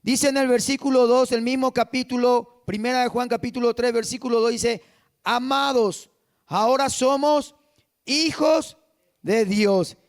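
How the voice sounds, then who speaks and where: High-voiced Paraguayan preacher. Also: male voice, fairly even intonation. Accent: Paraguayan Spanish. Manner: reads scripture slowly, then preaches with emphasis. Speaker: pastor. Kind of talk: sermon.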